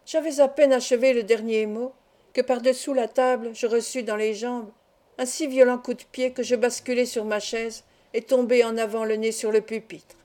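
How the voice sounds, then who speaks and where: A woman reads a novel aloud in a calm, measured way. Her voice sits a little high and sounds warm and mellow. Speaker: audiobook reader. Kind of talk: audiobook narration.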